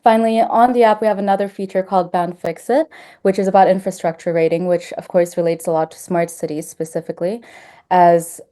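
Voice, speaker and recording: A woman who grew up in Denmark, giving a webinar presentation over a video call in a steady, explanatory way. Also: fairly low pitch, a little fast. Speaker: startup marketing director presenting.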